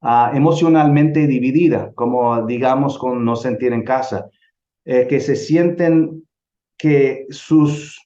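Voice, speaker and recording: An earnest middle-aged man from El Salvador lectures to a church group on missions, stopping and restarting his phrases as he thinks. His voice is mellow and dark. The recording sounds roomy and a little dull. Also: mid-range voice, slow. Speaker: missions teacher.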